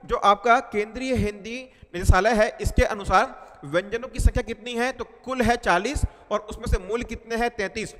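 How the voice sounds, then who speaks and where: A man giving an exam-prep lecture, repeating each point and quizzing his students with questions. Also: high-pitched. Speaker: teacher. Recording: long hall reverb.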